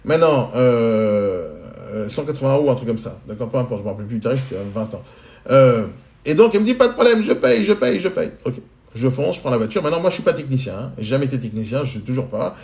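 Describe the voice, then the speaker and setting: A man in his forties telling a casual, animated anecdote, colloquial and speaking straight to the listener, into a phone mic on a live stream. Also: medium pitch, quick pace. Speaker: entrepreneur answering questions on a live stream.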